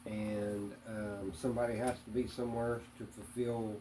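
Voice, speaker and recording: A man answering interview questions in a hesitant, plainspoken way, with many pauses and fillers. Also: fairly low pitch, flat delivery, noisy background. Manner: hesitant, many ums and uhs; plainspoken, religious. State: hiccups.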